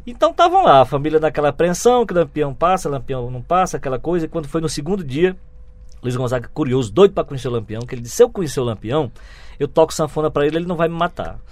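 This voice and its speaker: A man, a book's author telling lively anecdotes as an interview guest, with frequent tag questions. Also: fairly high pitch, rapid-fire, no room sound. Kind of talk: anecdotal storytelling.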